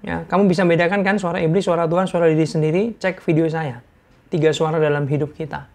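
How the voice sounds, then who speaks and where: A man giving an informal sermon-style talk, earnest and repetitive for emphasis, asking his audience questions and clearing an irritated throat. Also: on the high side, steady tone, fast, a little mellow.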